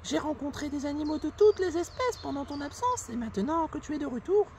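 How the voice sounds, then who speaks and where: A woman's voice: high-pitched, expressive, fairly quick, darkish tone, slight background noise. A woman voicing a tiny, timid female ant in a children's story, with a pleading, stammering way of talking.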